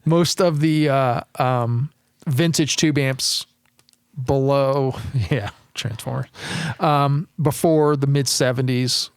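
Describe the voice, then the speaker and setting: A man's voice: medium pitch, steady tone, takes it slowly, clear, resonant tone, no echo, clean studio sound. A man who repairs guitar amplifiers, chatting as a podcast guest, explaining technical details with lots of fillers and restarts. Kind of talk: casual technical chat.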